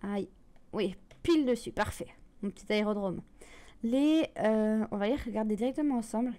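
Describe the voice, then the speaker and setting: A woman's voice: a little high, normal speed, warm tone. A woman casually commenting on her gameplay, chatty and self-correcting, with mild swearing. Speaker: gaming video host.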